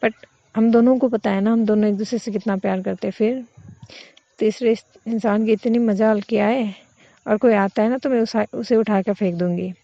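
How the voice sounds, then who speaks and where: A woman voicing a calm, playful young woman who reassures her partner, in a dull, dry lo-fi recording. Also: mid-range voice, normal speed, gravelly, no echo, lightly acted. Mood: reassuring.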